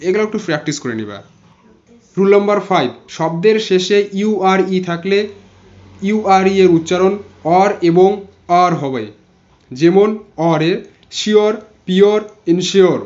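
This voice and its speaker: Bengali-speaking male teacher, high voice, patient, repeats examples slowly, dull lo-fi sound. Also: animated, a little mellow. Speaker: English pronunciation teacher. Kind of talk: explaining pronunciation rules. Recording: dull lo-fi recording.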